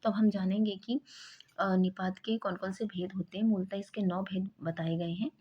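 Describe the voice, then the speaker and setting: A woman's voice: mid-range voice, steady tone, normal speed, husky, muffled recording. A woman teaching a grammar lesson for exam preparation, explaining terms and stressing words in spoken examples.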